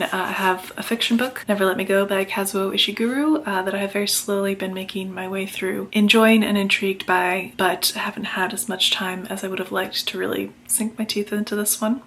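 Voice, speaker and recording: Flat-voiced woman in her late twenties. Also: mid-range voice. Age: late 20s. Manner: measured, chatty, explains carefully. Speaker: book vlogger. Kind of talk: casual vlog narration.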